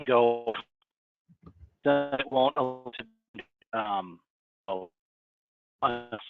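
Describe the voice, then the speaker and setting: Panelist, male, halting restarts, uneven volume as his call audio cuts in and out, narrow phone-like sound. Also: mid-range voice, over music. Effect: audio cutting in and out, uneven volume. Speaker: webinar panelist answering questions. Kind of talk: halting live webinar Q&A.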